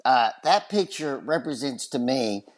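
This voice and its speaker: A man's voice: medium pitch, lively intonation, unhurried. An older man from West Texas with a West Texas twang, telling anecdotes as an interview guest. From West Texas, United States. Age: 60s or older. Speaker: podcast guest, retired divorce lawyer. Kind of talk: animated anecdotal interview talk.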